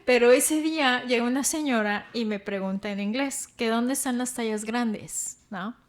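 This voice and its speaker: Middle-aged Mexican woman, slightly high voice, interview guest, lively storyteller who laughs easily. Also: moderate pace. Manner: animated, acts out quotes, laughs often.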